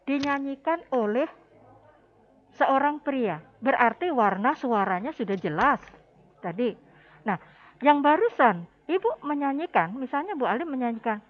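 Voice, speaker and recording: A woman teaching a music lesson with a high, light voice. She speaks slowly and patiently and explains each point step by step to her pupils. The recording sounds dull and lo-fi.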